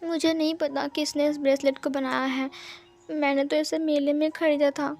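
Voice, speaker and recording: A woman's voice: high-pitched, flat delivery, normal speed, darkish tone. A woman voicing a shy, flustered young man who stammers and pleads nervously in a read-aloud romance story.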